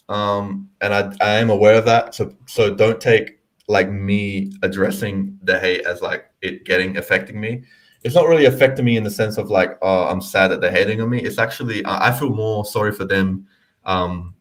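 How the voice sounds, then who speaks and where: A young Australian man talking on a casual livestream, chatty and upbeat and quick to laugh. His voice sits on the low side. He speaks into a call mic. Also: a bit bright, rough recording. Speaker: guest content creator.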